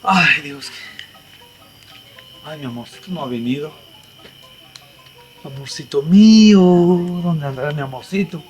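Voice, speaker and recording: A man's voice: on the high side, slow pace, pauses often, darkish tone, soft background music. A man playing a coy, whiny young woman. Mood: frightened. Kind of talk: comedy sketch acting.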